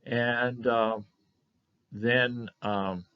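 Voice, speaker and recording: An older man presenting a slide lecture on his family history, halting often with fillers and restarts. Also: medium pitch, steady tone, clear, resonant tone. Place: meeting room of a historical society. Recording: dull lo-fi lecture recording.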